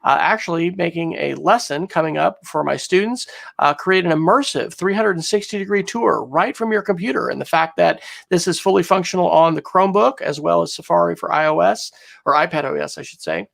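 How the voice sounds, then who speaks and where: A man's voice: fairly high pitch, a little fast, gravelly, a bit bright. A man co-hosting an education technology podcast, upbeat and enthusiastic as he recommends websites in casual talk. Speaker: podcast co-host. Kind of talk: casual tech chat.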